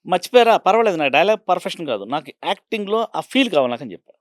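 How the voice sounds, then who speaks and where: A man's voice: high voice, sing-song, rapid-fire, no echo, studio quality. A middle-aged man, a film art director, telling set stories in an interview and acting out the lines he quotes. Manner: acts out quoted dialogue, slips into Tamil impressions. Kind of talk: animated storytelling interview. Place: Telugu film channel interview.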